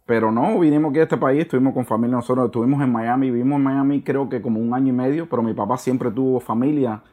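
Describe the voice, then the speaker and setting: A middle-aged man with a Cuban Spanish accent speaks as a guest in a relaxed interview. His voice sits at an ordinary pitch, and he talks sincerely, circling back over his words as he searches for the right one. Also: fast. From Cuba. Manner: earnest, searches for words, repeats himself. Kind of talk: casual conversational interview.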